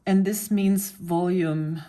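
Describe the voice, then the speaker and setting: A woman's voice: fairly low pitch, steady tone, takes it slowly, dark tone. A woman vlogger patiently explaining and pointing things out in a casual show-and-tell about her cross-stitch hobby.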